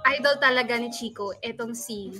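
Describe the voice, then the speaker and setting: High, bright-voiced woman host. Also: moderate pace, soft background music. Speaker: radio show host. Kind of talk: casual studio chat.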